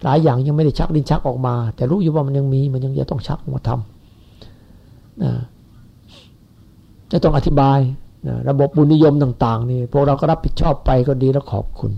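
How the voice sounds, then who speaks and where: This Buddhist teacher in his seventies speaks to followers in a meandering, homespun sermon. His mid-range voice is steady and brisk with some vocal fry, and the recording sounds lo-fi and dull.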